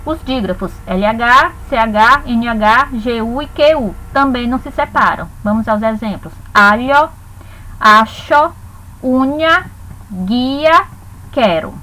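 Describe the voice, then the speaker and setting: Bright high-voiced teacher. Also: female voice, poor audio. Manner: slow, spelled-out dictation of syllables. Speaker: Portuguese teacher. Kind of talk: recorded grammar lesson.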